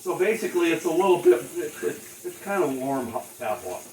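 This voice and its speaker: Male cooking host, casual stoner type, slightly higher register, recorded at a distance in a reverberant room. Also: very animated, fast talker, a little mellow. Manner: laid-back stoner slang. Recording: roomy, distant mic, faint noise.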